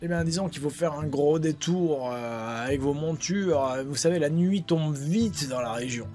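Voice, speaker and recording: A man's voice: fairly high pitch, measured pace, darkish tone, lightly acted. Man playing bumbling male explorer NPC, hesitant, easily offended, odd accent; music bed.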